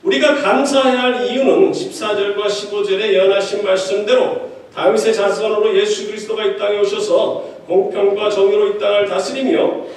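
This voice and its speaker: High-voiced gravelly pastor in a hall. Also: male voice, a little mellow. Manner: conversational preaching with quips to the congregation. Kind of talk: sermon. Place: church sanctuary. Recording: echoey hall, distant mic.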